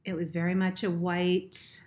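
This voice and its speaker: A woman's voice: fairly low pitch, monotone, measured pace, darkish tone. A middle-aged woman from Massachusetts speaking as a nurse in a casual interview, earnest and hesitant, with many ums and restarts. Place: family home.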